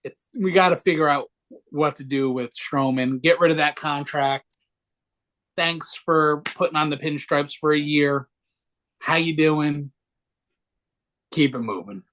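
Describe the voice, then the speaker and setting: A man's voice: a little high, steady tone, a little slow, a bit bright. A young man co-hosting a casual sports podcast, brash, joking and swearing freely. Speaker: podcast co-host.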